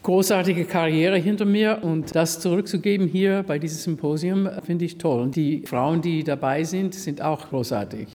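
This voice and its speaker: A woman opera singer who teaches a master class, speaking enthusiastically in slightly halting sentences. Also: deep voice, mellow, long reverb tail. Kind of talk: interview remarks.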